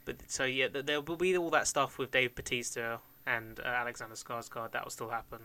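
A man's voice: mid-range voice, steady tone, brisk, pushed and bright, smooth. A man co-hosting a podcast in a casual, rambling chat, swearing and laughing often. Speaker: podcast co-host.

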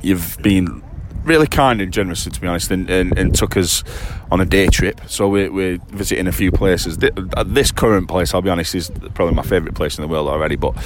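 A man's voice: sits low, fairly quick, few pauses. A man hosting a casual chat, phrasing things loosely and hesitantly. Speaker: interviewer and host. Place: outdoors by the sea. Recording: outdoor recording with clear traffic and ambient noise.

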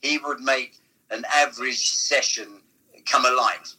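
A man reminiscing about old football seasons in a casual, halting chat, often restarting his sentences. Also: medium pitch, steady tone, sharp tone, husky, low-quality recording. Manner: rambling, halting storyteller with restarts. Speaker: former football club figure, guest.

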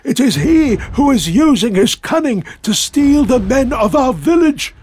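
A man's voice: very high-pitched, expressive, unhurried, a little mellow, breathy edge, full character voice. A man voicing a cranky old village man who scolds and warns of doom in a children's audio story. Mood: ominous. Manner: grim, scolding, insistent.

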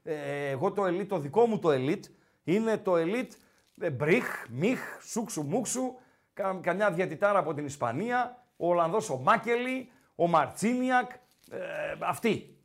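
A man with a Greek accent hosting a casual sports talk podcast, who teases his co-host and keeps repeating his name. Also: high voice. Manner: teasing, animated, repeats the co-host's name.

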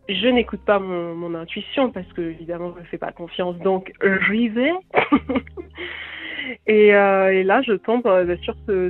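A young woman from France telling a bad-date story in a chatty way, full of fillers and laughs, on a voicemail message. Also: fairly low pitch. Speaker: listener sharing a story by voicemail. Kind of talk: casual storytelling. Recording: tinny phone voicemail line.

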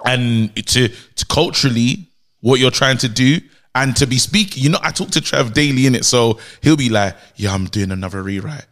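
A man with a London roadman accent telling animated stories in casual, slang-filled podcast chat, acting out quotes. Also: medium pitch, normal speed. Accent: London, urban roadman slang style.

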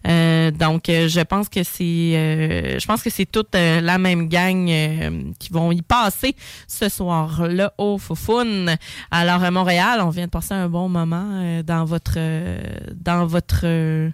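Smooth-voiced Québécois radio co-host. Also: medium pitch, slow pace, no room sound, studio quality. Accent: Québécois French. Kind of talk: casual radio chat.

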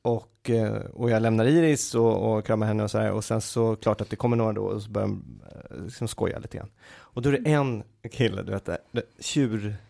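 A man's voice: fairly low pitch, gravelly, hardly any pauses, warm tone. A man co-hosting a casual chat podcast, telling long anecdotes full of fillers and restarts. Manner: rambling anecdotal storytelling with many fillers. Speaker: podcast co-host.

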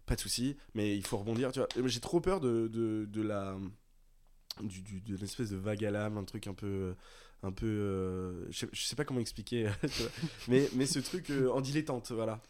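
This twenty-something co-host from the Marseille area of southern France speaks with a fairly low, darkish voice at a moderate pace. The podcast conversation is relaxed, slangy and rambling.

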